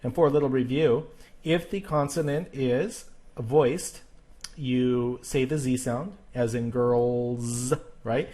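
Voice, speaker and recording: A man teaching an English grammar and pronunciation lesson. He explains patiently, step by step, checks in often with "okay?" and repeats example words slowly. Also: medium pitch, dark tone.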